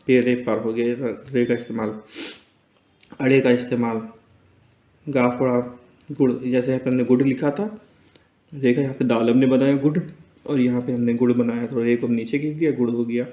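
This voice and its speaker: A man teaching an Urdu writing lesson in a relaxed, spoken way, patiently repeating each word slowly and checking in with his students. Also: medium pitch, dull audio. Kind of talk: casual spoken lesson, explaining letters on a board. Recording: roomy echo.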